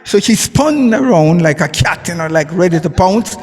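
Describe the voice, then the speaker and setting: A man with a Jamaican accent, a poet and recording artist, performs his poetry at a live event, chanting in rhythm and sometimes breaking into song. His voice is high-pitched and expressive, at a moderate pace. The sound is reverberant and live, with music behind him.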